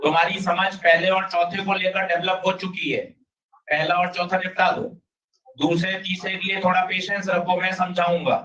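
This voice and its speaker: A male teacher giving a lively classroom physics lecture, drilling students with rapid questions and urging them on. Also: high voice. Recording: dull roomy classroom sound from a distance.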